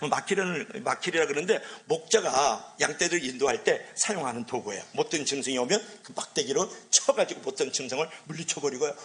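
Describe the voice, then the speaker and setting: A male pastor preaching a sermon in an animated way, asking the congregation questions. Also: mid-range voice.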